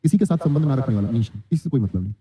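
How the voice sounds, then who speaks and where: Fast-talking male teacher. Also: mid-range voice, animated, mellow, a little hiss or hum. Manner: quizzing, answers his own questions, reads student comments. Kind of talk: online exam-prep class. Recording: dull lo-fi sound.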